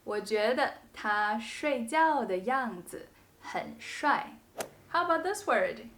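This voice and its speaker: A woman with a Mandarin Chinese accent teaching a scripted language lesson. She speaks slowly and carefully and says each example sentence twice. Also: fairly high pitch, animated, a bit bright.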